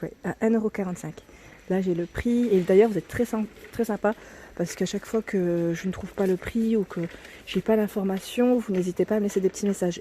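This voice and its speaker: A woman's voice: medium pitch, warm tone, a little hiss or hum. A woman walking through a store aisle showing products in a casual vlog, chatting and often correcting herself, her voice cracking early in the morning. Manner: chatty, often corrects herself, drops to a near whisper at times. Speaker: vlogger showing new store arrivals.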